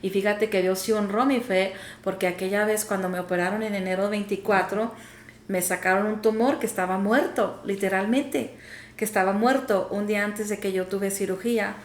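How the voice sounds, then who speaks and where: A woman's voice: medium pitch, steady tone, moderate pace, slight background noise. A woman co-host earnestly sharing her personal testimony, hesitating often with fillers. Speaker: podcast co-host. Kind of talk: casual faith talk, personal testimony. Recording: echoey room, faint ambience.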